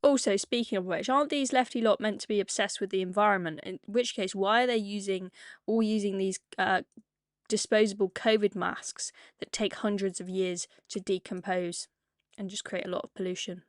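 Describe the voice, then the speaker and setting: A woman's voice: medium pitch, fairly even intonation, moderate pace, no room sound, clean studio sound. A woman commenting over video clips in a sarcastic tone, often hesitating with "uh" and "um". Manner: sarcastic, hesitant with many fillers. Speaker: online political commentator.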